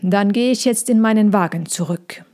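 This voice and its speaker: A woman's voice: medium pitch, moderate pace, warm tone, natural voice. A woman reading a storybook aloud, voicing a proud man who speaks in a cold, clipped way while hiding his anger. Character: proud man, coldly offended.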